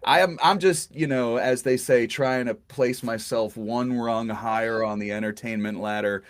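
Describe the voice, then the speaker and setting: Male host, middle-pitched voice, wry jokes, casual chat, reads listener questions. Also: fairly even intonation, moderate pace. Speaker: interview host.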